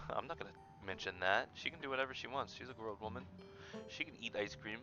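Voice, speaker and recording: A man's voice: mid-range voice, fast, muffled recording, over music. A man hosting a video game playthrough, reading the game text aloud and joking with his viewers. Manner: goofy, jokey, talks to chat. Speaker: gaming channel host.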